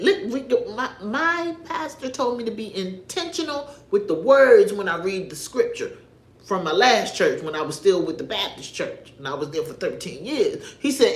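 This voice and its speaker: A woman speaks, telling faith stories on a livestream. She is animated and emphatic, almost preaching at times. Her voice sits a little high and rings in an echoey room. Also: moderate pace. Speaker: livestream host. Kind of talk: casual faith talk on a livestream.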